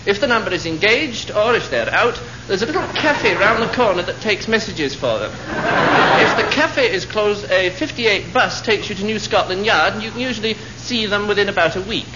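Earnest, useless safety adviser, deadpan comedy lecture, high voice, noisy dull recording. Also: male voice, normal speed. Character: earnest, useless male crime prevention adviser. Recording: dull, lo-fi, loud noise.

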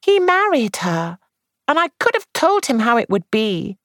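Young actress figure voiced by a woman, high, dramatic, confiding, storybook reading, dry sound. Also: sing-song, unhurried, fairly bright tone, no echo. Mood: scheming. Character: young woman, a famous actress, anxious and scheming.

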